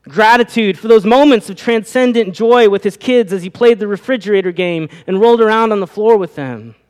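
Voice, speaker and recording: A man's voice: high voice, fairly quick. A pastor preaching a sermon, asking his listeners rhetorical questions, his voice rising and falling. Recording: long reverb of a hall.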